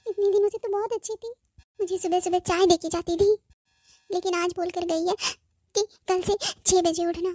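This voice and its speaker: A woman's voice: very high voice, steady tone, moderate pace, warm tone, no room sound. A woman voicing a spoiled young cartoon bride who whines and pleads, repeating "mummy" over and over. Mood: tearful pleading. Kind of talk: cartoon voice acting.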